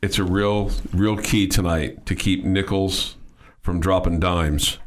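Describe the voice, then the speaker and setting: A male sports radio host with a very low voice, chatting casually. He stumbles and repeats words as he works his way to his point. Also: fairly even intonation, slight background noise. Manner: halting, repeats words as he goes.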